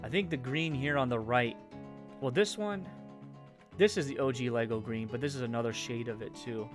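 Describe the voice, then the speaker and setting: A man's voice: mid-range voice, normal speed. Rambling Canadian man chatting while building. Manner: rambling, with frequent fillers and trailing off. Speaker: streamer. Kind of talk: casual chat while building a Lego set. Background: faint game music.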